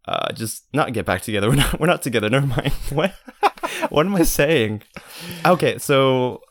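A man's voice: mid-range voice, expressive, moderate pace. A man co-hosting a podcast in casual, jokey chat, often correcting himself as he goes. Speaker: podcast co-host. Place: spare, near-empty bedroom in a beach house. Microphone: podcast microphone with pillows in front.

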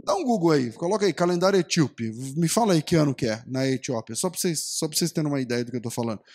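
Brazilian pastor preaching with rising intensity. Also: male voice, on the high side, animated, racing, a little mellow. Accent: Brazilian Portuguese. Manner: storytelling with acted quotes, rising to emphatic lists. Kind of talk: sermon.

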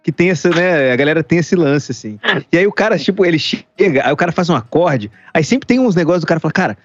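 A man's voice: fairly high pitch, animated, fast talker, no room sound. Brazilian guy on a podcast, slangy casual music chat, dry and a bit dull sounding. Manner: informal, slangy. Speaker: podcast speaker.

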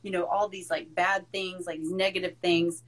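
Brief: woman host, therapist type, casual and animated, peppers speech with "like" and the odd curse. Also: on the low side, normal speed, rough recording. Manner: animated, frequent "like", swears for emphasis. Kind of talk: casual conversation.

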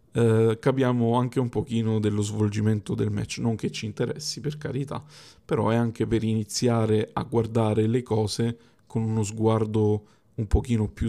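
A man with a noticeably creaky, gravelly edge to his voice talks through his subject as an explainer. His delivery is casual and conversational, and he often rephrases as he thinks aloud. The pitch sits in an ordinary middle range for a man. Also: mellow. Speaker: wrestling explainer host.

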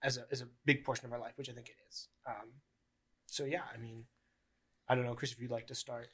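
A twenty-one-year-old man hosts a casual podcast chat in a bright, forward voice. He rambles, restarts his sentences and fills the gaps with "um". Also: mid-range voice, flat delivery, fast talker, breathy edge. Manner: rambling, many fillers and restarts. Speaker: podcast host.

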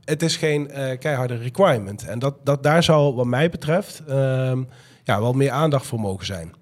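A man's voice: mid-range voice, lively intonation, moderate pace. A man with a stuffy nose a cold, chatting as a test consultant on a podcast. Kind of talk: casual discussion.

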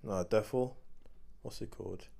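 A man's voice: fairly low pitch, measured pace, gravelly, mellow, husky. A young man with an urban British roadman accent, chatting casually in street slang. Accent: urban British, London roadman style. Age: young adult. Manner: slangy roadman talk, tagging phrases with fam. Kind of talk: casual chat about UK rap, street slang.

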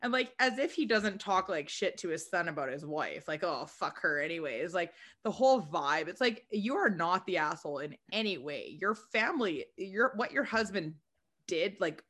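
Woman hosting a casual chat, says "like" constantly, curses a lot, lowish bright voice. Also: animated, moderate pace. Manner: blunt, swears freely, lots of "like". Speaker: podcast co-host.

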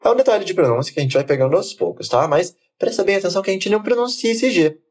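A man teaching German, saying phrases slowly for the learner to repeat and then explaining them quickly. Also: sits high, expressive, darkish tone. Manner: slow, deliberate model phrases alternating with quick explanations. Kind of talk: language lesson with repeat-after-me drills.

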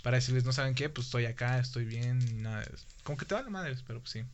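A man's voice: mid-range voice, expressive, very fast, dull audio. A man with a Mexican accent in casual chat among friends, using lots of slang and swearing. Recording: some background noise, clicks.

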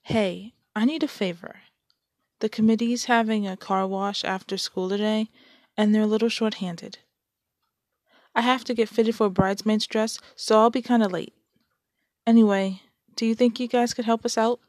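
A woman's voice: a little high, steady tone, normal speed, darkish tone, dry recording, pitched above the performer's own voice, lightly acted. A woman reading aloud, voicing a friendly, busy teenage girl who asks for a favor in a pleading way.

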